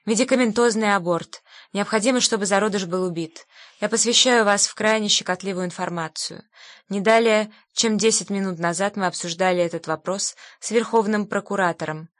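A woman's voice: medium pitch, brisk, dry recording, lightly acted. A woman voicing a stern, ruthless male cardinal in an audiobook, giving cold commands.

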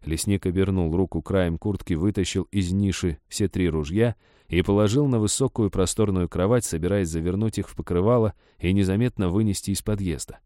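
A man narrating an audiobook in an even, storytelling way. His voice sits low and sounds dark and mellow, recorded close and dry with no room sound. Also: a little fast, no echo. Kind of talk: scripted narration.

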